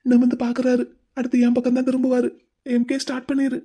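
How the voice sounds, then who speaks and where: A woman's voice: high-pitched, completely flat delivery, quick pace, warm tone. A woman voicing a caring, playful young man in a cartoon, coaxing and teasing his crying older sister in a chatty way. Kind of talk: Tamil cartoon voice acting.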